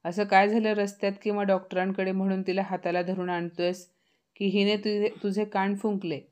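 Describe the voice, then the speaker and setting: A woman's voice: mid-range voice, flat delivery, brisk, darkish tone, close to an everyday voice. A woman voicing an older mother-in-law who finds fault and mocks her daughter-in-law. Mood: scornful. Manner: sneering, accusing.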